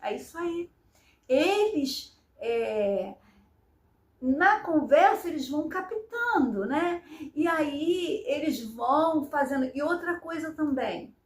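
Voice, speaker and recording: A woman speaks straight to her viewers in a casual vlog, her voice high and her delivery emotional, often wavering near tears. She keeps checking in with her listeners with short tag questions as she talks. The sound carries the echo of a bare room. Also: lively intonation, takes it slowly. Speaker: vlogger. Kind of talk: casual personal storytelling.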